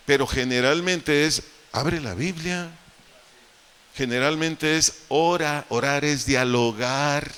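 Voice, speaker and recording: A man's voice: mid-range voice, bright, forceful tone. A man with a Mexican Spanish accent, preaching a sermon as pastor and putting rhetorical questions to his congregation. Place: church hall.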